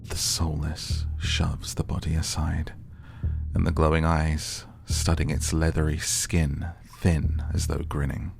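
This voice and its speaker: Very deep, gravelly man narrating dramatically. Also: completely flat delivery, slow pace, faint music behind. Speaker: video game player reading aloud. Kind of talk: dramatic narration of a visual novel.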